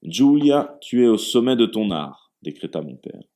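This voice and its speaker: Genial middle-aged father, relaxed and content, read by a deep-voiced man. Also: normal speed.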